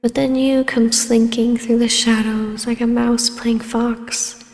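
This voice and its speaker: In a scripted ASMR roleplay, a woman plays a regal vampire baroness, an ancient huntress turned ruler, taunting and imperious. Her slightly high voice is flat and predatory, slow, hushed and breathy, slipping into whispers. There's no room sound.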